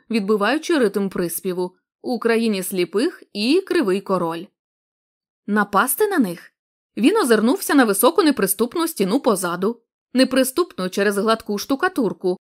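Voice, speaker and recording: Brief: woman narrator, fairly high voice, measured expressive reading of a classic tale. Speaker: audiobook narrator. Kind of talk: scripted literary narration.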